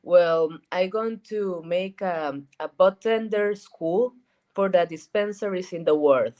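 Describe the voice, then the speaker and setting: A woman, talking casually as a guest in an interview. Her voice sits fairly low. She speaks haltingly, repeating words and reaching for fillers as she goes. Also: a little mellow. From Costa Rica. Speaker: guest, cannabis events organizer.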